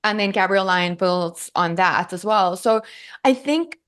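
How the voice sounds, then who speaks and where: A woman's voice: mid-range voice, unhurried, fairly bright tone, clean tone. A woman guest in an interview, talking in a bubbly, earnest way with lots of fillers. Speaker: guest, health advocate. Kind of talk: casual interview.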